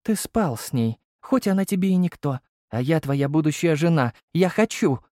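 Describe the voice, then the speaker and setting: A man's voice: on the high side, lively intonation, normal speed, dark tone, no room sound, clean studio sound, voice pushed up, natural voice. A man voicing a tearful, jealous young woman, the hero's fiancée, in an audiobook. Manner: pleading, tearful. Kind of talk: audiobook character voice.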